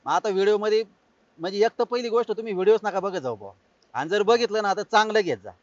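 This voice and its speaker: A man's voice: high-pitched, lively intonation, fast talker, no room sound. An actor playing a man who lectures youngsters, asking them to agree. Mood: stern. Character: preachy grown man scolding youngsters. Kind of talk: comic web film acting. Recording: dull, dry film sound.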